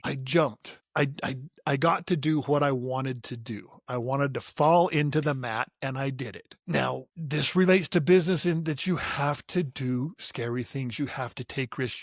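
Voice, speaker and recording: A man's voice: medium pitch, no echo, studio quality. A man speaking as a podcast guest in an earnest, motivational way, often repeating his first words as he starts a sentence. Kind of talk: conversational interview.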